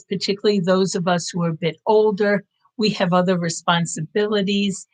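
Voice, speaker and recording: Speaking over a live-stream mic, a woman in her fifties (fifty-nine, English as her first language) shares an informal update from the language-learning channel she runs. Her voice sits fairly low, and her tone is sincere, thoughtful and supportive, though the sound is poor.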